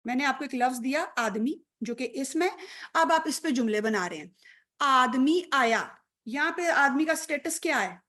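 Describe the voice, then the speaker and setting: High-voiced woman teaching grammar. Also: animated, fairly bright tone. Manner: patient, checks understanding often, praises students; mixes English terms into Urdu speech. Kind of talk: online grammar class.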